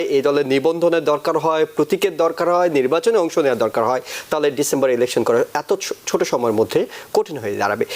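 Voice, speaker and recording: A man hosting a political talk show, putting long, measured framing questions to his guests. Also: on the high side.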